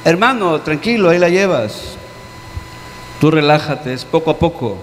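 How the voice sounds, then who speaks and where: High-voiced pastor preaching. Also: male voice, lively intonation, moderate pace. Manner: earnest, questioning, dropping low on key words. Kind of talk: sermon. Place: church hall. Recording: long church-hall reverb with faint hum.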